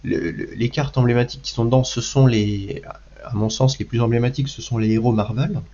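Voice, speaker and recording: A man's voice: mid-range voice, steady tone, brisk, mellow, highs cut off. A man with a cold hosting a card game video in casual commentary, hesitant with many restarts and fillers. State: has a cold.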